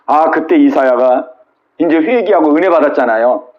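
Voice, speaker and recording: A man's voice: a little high, moderate pace, lo-fi sound. A male pastor preaching a Wednesday sermon at a small church, retelling scripture with dramatic quoted voices and asking the congregation questions.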